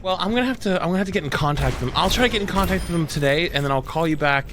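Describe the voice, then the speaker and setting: A man voicing a flustered, apologetic female clinic specialist who talks in a hurried, hesitant way. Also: mid-range voice, noisy background, lightly acted. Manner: hurried, hesitant, full of fillers.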